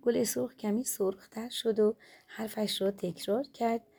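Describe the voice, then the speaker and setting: A woman reading a children's story aloud in calm, steady narration. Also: fairly high pitch, creaky, breathy edge.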